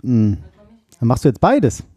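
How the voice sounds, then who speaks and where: A man's voice: medium pitch, huge pitch swings, measured pace, warm tone, slightly rough, dry recording. A man co-hosting a casual podcast, joking around and teasing in a playful way. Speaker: podcast co-host. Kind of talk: casual chat.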